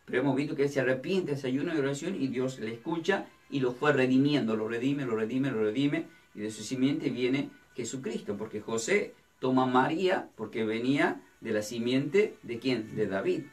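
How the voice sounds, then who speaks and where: A man's voice: medium pitch, normal speed, hardly any pauses. A man, a pastor teaching a Bible study sermon, who asks his listeners questions and then answers them himself. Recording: distant mic with faint music.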